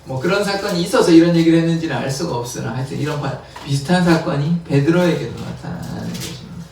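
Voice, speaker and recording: Speaking at a quick pace with vocal fry and a darkish tone, a man with a slightly high voice leads an early-morning prayer sermon in a church sanctuary. He explains scripture plainly and laughs as he acts out quotes, captured in an echoey, distant recording with slight hiss or hum.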